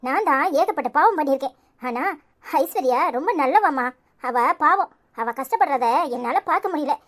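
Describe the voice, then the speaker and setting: Woman voicing a pleading young daughter in a Tamil village cartoon, Tirunelveli accent, bright high voice. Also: animated, moderate pace. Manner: pleading, earnest.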